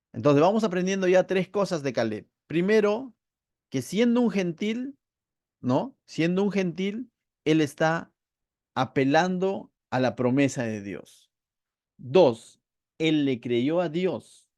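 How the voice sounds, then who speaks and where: A man pastor with a Peruvian accent, teaching a verse-by-verse Bible sermon. He asks the listeners rhetorical questions, slows down to stress key phrases and shouts out quoted cries. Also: medium pitch, no room sound, clean studio sound. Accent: Peruvian Spanish. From Peru. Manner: acts out quoted cries loudly.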